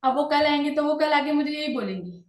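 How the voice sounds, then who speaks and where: A woman telling a personal story to her class in a calm, conversational way. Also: high voice, brisk, reverberant. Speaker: class leader.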